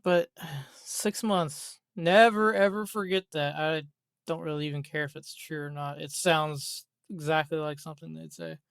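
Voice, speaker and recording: A gaming commentator with a slightly high, creaky, fairly bright voice rants off the cuff about a video game, unhurried and with fairly even intonation. He grumbles and swears, repeating himself for emphasis and firing off rhetorical questions. There's no room sound.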